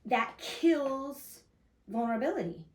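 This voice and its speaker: A woman's voice: high voice, lively intonation, slow, darkish tone. Woman, podcast host, earnest, explanatory, echoey, distant mic. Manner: earnest, explanatory, many restarts and fillers. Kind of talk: casual faith-based discussion.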